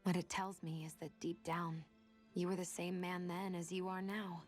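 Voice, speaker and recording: A woman's voice: fairly low pitch, little pitch movement, normal speed, soft background music, close to an everyday voice. A woman voicing a reserved, caring young companion. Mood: gentle. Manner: soft-spoken, probing, gentle. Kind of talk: game voice acting.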